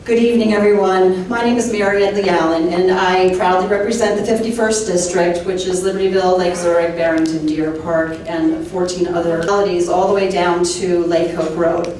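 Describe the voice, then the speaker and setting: A woman's voice: lowish voice, fairly even intonation, a little fast, hardly any pauses, darkish tone, a little hiss or hum. A woman state representative and former teacher giving a heartfelt, rallying campaign speech. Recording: echoey room from far off.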